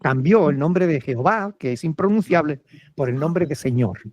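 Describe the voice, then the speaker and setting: Male Peruvian pastor, teacherly Q&A answers, warm dark tone, dry close sound. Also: fairly high pitch, lively intonation, normal speed, dry recording. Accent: Peruvian Spanish. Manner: explanatory, often checks with "¿ok?". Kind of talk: answering questions in a church Q&A.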